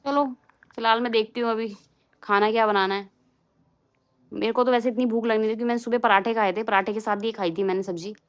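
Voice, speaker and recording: A young woman from Uttarakhand, India, chats casually in a vlog filmed indoors at home, sometimes scolding her small son. Her voice is a little high, her intonation fairly even, and her pace quick.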